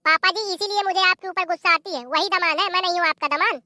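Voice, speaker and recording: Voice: extremely high pitch, fast talker, sharp tone, no room sound, clean studio sound, full character voice. Someone voicing a complaining young cartoon son-in-law.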